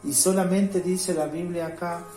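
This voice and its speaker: Man, preacher, home devotional sermon, slow scripture reading, repeats "¿sí?", echoey room, faint music. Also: high voice, steady tone, dark tone. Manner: reads scripture slowly, repeats "¿sí?" to listeners. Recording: roomy echo with faint music.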